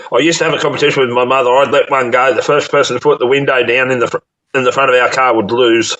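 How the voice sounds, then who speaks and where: A man's voice: medium pitch, steady tone, fast, a bit bright, highs cut off. A man hosting a casual live chat show, telling rambling stories with many restarts and laughs. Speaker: host.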